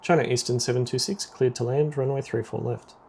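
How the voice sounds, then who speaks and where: A man playing air traffic controller in a simulator game, giving clipped, procedural radio commands in a creaky voice. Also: medium pitch, fairly even intonation, brisk, a little mellow.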